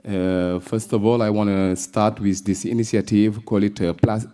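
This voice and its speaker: A low-voiced man from Senegal presents at a conference in a Senegalese accent. His tone is dark and relaxed. He moves haltingly, repeating words as he goes. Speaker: city adviser presenting at an event.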